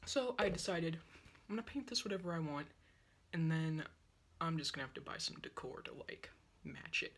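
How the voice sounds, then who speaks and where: Painting indoors in her small yellow room, this twenties art vlogger chats loosely to a close-up phone on a tripod. Her low, husky voice has lively intonation and a moderate pace, with a wheeze from her dry, sore throat. She keeps up a self-deprecating ramble as she paints.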